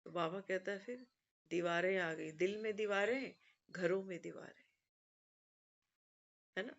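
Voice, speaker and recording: Woman, devotional talk, storytelling delivery, mid pitch, muffled lo-fi sound. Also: a little slow. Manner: storytelling, quotes teachings often, conversational asides. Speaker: spiritual speaker. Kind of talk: devotional discourse. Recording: muffled lo-fi recording.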